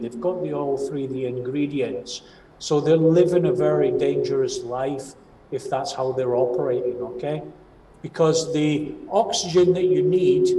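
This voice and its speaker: A man's voice: fairly high pitch, dark tone. A man with a broad Scottish accent giving a training presentation, explaining step by step and often checking that listeners follow. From Scotland. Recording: distant mic, roomy echo, faint noise.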